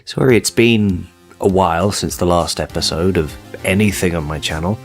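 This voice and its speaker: A man's voice: low voice, moderate pace, soft background music. A man giving casual playthrough commentary as a gaming host, in a wry, self-deprecating way.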